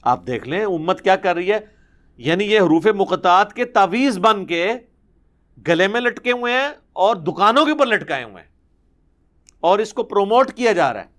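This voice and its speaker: A man's voice: high-pitched, animated, fairly bright tone. A man giving a Quran commentary lesson, explaining emphatically and reciting Arabic verses between his explanations. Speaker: Quran teacher.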